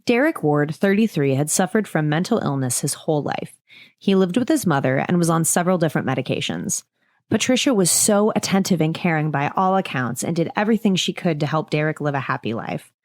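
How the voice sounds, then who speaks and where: A woman's voice: sits low, animated, brisk, darkish tone, no echo, clean studio sound. A woman podcast co-host telling a true-crime story in a casual way, mixing scripted reading with jokey asides.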